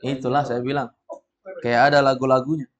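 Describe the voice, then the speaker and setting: A man teaching an Arabic class in a casual, patient way, reassuring his students and slowly modeling pronunciation. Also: mid-range voice, little pitch movement.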